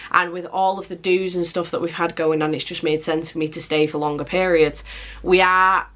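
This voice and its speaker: With her nose stuffed from a cold, a young Englishwoman rambles and swears freely in a relaxed monthly vlog filmed at home. She speaks at a normal speed in a fairly low, steady, slightly bright voice.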